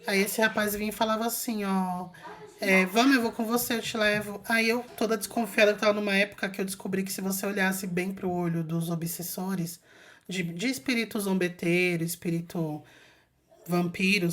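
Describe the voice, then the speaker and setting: A woman from Brazil tells a personal spiritual story in a relaxed vlog. She is chatty and lively, with a mid-range voice. She breaks off to restart sentences and speaks straight to her viewers. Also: mid-range voice. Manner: chatty, animated, acts out quoted voices; frequent fillers and restarts, addresses viewers directly. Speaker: spiritual content creator.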